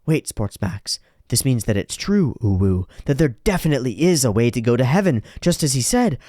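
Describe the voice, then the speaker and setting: A man voicing a cold, menacing male spirit in a manga reading, speaking slowly and low in a commanding way. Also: big pitch swings, warm tone, no echo, studio quality, lightly acted. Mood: calculating.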